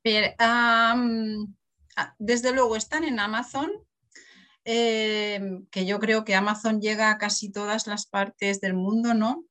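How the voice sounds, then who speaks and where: With a mid-range voice and a slow delivery, this middle-aged Barcelona author recounts stories during a relaxed interview. She performs the quotes she tells and breaks into laughter frequently.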